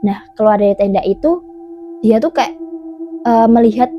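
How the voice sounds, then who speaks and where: A woman's voice: on the high side, moderate pace, lo-fi sound, background noise. Chatty young woman telling a spooky tale. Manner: chatty, many fillers and self-corrections. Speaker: storyteller. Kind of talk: casual horror storytelling.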